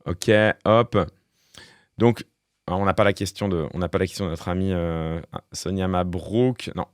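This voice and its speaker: A man's voice: low voice, normal speed, a little mellow, smooth, no echo, clean studio sound. A man streamer giving casual live-stream commentary, thinking aloud with fillers and restarts. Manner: talks through thoughts with fillers and restarts, wry laughs.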